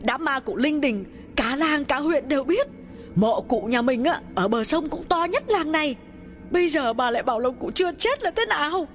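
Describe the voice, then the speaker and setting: A man's voice: very high-pitched, lively intonation, normal speed, soft background music, pitched above the performer's own voice. A man voicing an eager, anxious young female servant who asks curious, pleading questions.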